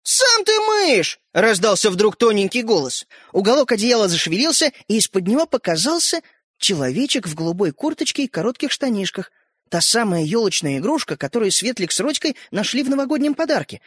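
A man reading a children's storybook aloud with an expressive, lively delivery. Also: high-pitched, a little fast, slightly rough, dry recording, studio quality. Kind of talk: storybook narration.

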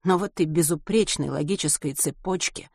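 A woman narrating an audiobook in a steady, even storytelling manner. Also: low-pitched, a little fast, creaky, breathy edge, no echo, clean studio sound.

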